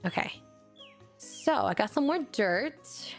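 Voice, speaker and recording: A woman's voice: medium pitch, animated, takes it slowly, soft background music. A young woman streaming a game, chatting casually with viewers, giggling often and restarting her words, and English is not her first language. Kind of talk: casual gaming stream chat.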